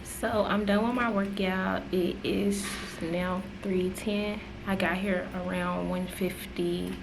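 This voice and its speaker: Loud background noise, young woman, creaky voice, casual vlog chat, gym and locker room. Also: medium pitch, steady tone, slow pace. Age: 20s. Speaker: vlogger. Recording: loud ambient noise behind.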